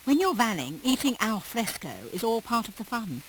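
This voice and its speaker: A woman's voice: a little high, very animated, normal speed, a crowd in the background, rough recording. A woman reading scripted narration for a magazine-style feature as its reporter.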